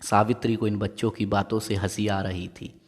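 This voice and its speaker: A man's voice: lowish voice, little pitch movement. Man teaching a story lesson, reverberant room. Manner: repeats and explains each line, asks quick checking questions. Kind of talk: explaining and reading a Hindi story lesson. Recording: long hall-like reverb.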